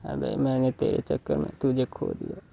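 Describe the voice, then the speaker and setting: A man's voice: medium pitch, normal speed, vocal fry, dark tone. A man voicing a devoted young man who pleads emotionally, over a noisy background. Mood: pleading.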